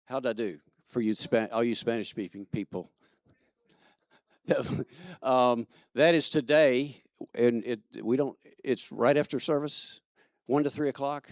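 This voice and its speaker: A man's voice: medium pitch, unhurried, no room sound, clean studio sound. A man from Kentucky giving church announcements as platform assistant, chatty and joking with many fillers. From Kentucky, USA. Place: church service.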